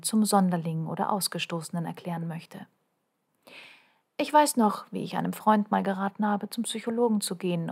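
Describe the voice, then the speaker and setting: A woman's voice: mid-range voice, gravelly, breathy edge. A woman reading her own first-person motivational text aloud, earnest and intimate, often dropping to a half-whisper and pressing the listener with urgent questions.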